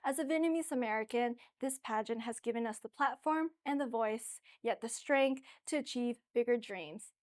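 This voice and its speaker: A woman's voice: fairly high pitch, moderate pace, few pauses, darkish tone. A woman hosting an interview in an encouraging, effusive manner, full of support for her guests. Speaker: host and pageant coach.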